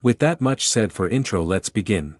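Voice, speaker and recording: A man delivers scripted narration as a video host. His voice sits fairly low, and the sound is dry, with little room around it. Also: animated, moderate pace, no echo, faint music behind.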